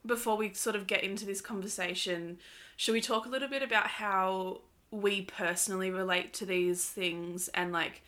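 A woman's voice: mid-range voice, steady tone, normal speed, a bit bright. A woman co-hosting a podcast, speaking earnestly and filling her sentences with "like" and "sort of". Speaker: podcast co-host. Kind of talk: casual podcast conversation.

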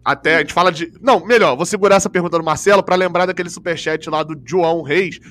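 A man's voice: on the high side, fast talker, fairly bright tone. A man hosting a casual football chat, talking at length and restarting his sentences often. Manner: talkative, explains at length with many restarts. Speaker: football podcast host.

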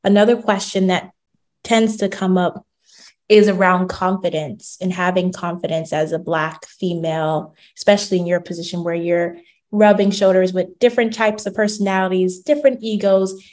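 A woman's voice: on the low side, fairly even intonation, normal speed, a little mellow. A woman hosting an interview, summarizing the guest's answers before asking her next question. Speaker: interviewer host. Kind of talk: casual interview conversation.

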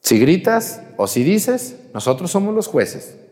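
A man voicing scheming, lecherous old male judges in a low, threatening, coaxing tone. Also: sing-song, measured pace, a little mellow, big-room sound. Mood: menacing.

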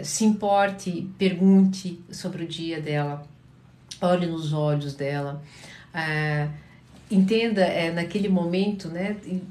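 A woman from Paraná with a Curitiba accent, a therapist calmly answering viewers' questions in a live chat, sounding tired. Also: on the low side, reverberant. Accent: Curitiba Portuguese. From Paraná, Brazil. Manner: calm, advising, often checks in with listeners.

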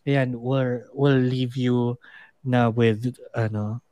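A man's voice: medium pitch, level tone, extremely slow, warm tone, clear, resonant tone, no room sound, dull audio. A man from the Philippines hosting a casual podcast, mixing Tagalog and English and laughing often. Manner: giggly, mixes Tagalog and English. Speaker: podcast host.

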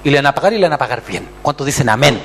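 A Chilean-accented pastor preaches a sermon at a rapid-fire clip, animatedly acting out other voices and calling for amens. His pitch is medium, and there's a little hiss or hum in the audio.

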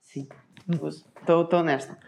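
A man's voice: on the high side, steady tone, normal speed, creaky, darkish tone, reverberant, slight background noise. A young man with a European Portuguese accent, co-hosting a casual chat and telling stories with slang and sound effects. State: leg in a cast. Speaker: podcast co-host.

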